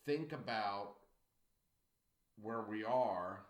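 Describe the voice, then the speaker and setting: A college writing instructor in his sixties records a video lecture at his home webcam, speaking slowly in a lowish voice. He repeats himself encouragingly and clears his throat often. The small room echoes, with faint background noise.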